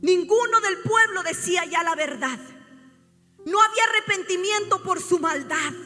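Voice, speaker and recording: A woman pastor delivering an impassioned sermon in a church, often rising to shouts. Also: very high-pitched, moderate pace, big-room sound, soft background music. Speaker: prophet and pastor. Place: church sanctuary.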